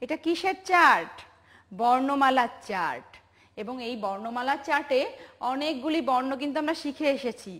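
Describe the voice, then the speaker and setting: A woman's voice: high-pitched, animated, normal speed, fairly bright tone. A woman teaching a televised preschool lesson, patient and sing-song, asking questions and praising the children. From Bangladesh.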